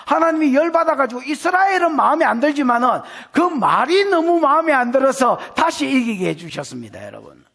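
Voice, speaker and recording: High, lively Gyeongsang-accented male pastor. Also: brisk, vocal fry, few pauses. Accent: Gyeongsang Korean. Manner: animated, folksy, teasing, acts out scenes. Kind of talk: expository sermon. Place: church service.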